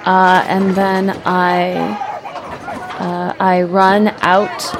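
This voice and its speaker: Slow-talking woman player, chatty crowd behind. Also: on the low side, little pitch movement, background noise. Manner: slow, thoughtful, describes actions with hesitations. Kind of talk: tabletop game play.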